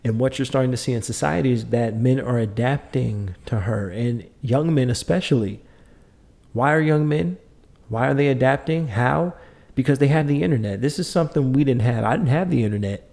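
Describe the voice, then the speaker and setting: Middle-aged male podcast host; mid-pitched, warm dark timbre; emphatic, repetitive, lecturing delivery. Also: normal speed, vocal fry. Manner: emphatic, lecturing, repeats points. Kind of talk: opinionated monologue.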